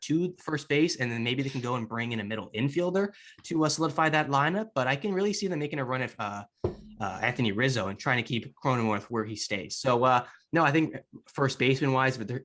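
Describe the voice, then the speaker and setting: Young guy on a sports podcast, talks quick, chatty, kinda rambles. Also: medium pitch, lively intonation, fairly bright tone. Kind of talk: casual sports chat.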